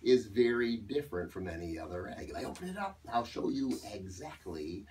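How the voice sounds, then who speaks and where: Animated kids' party magician, woman, far from mic. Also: extremely low pitch, fairly quick, heavy background noise. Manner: playful, jokey showman with questions to the audience. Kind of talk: kids' magic show patter. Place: live children's birthday party, mic at a distance. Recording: distant microphone in a live room.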